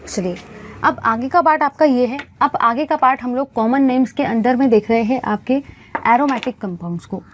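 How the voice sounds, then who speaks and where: A woman's voice: on the high side, normal speed, a little hiss or hum. A woman teaching a chemistry class, asking questions and answering them herself, calling the students bhai and guys.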